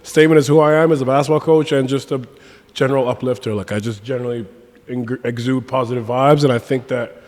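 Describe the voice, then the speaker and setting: Young male coach, from Nigeria, lively slangy chat, recorded far off in a reverberant room with faint noise. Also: quick pace. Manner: animated, slangy, swings from excited to low and quiet. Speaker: guest, basketball coach. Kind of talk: casual podcast chat.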